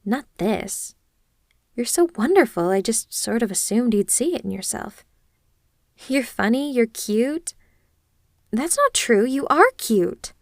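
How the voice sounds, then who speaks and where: In an intimate ASMR roleplay recorded with studio quality and no echo, a woman with a slightly high voice plays an obsessive, clingy yandere kidnapper. Speaking straight to the listener, she is adoring and gushing, hesitant and awkwardly earnest.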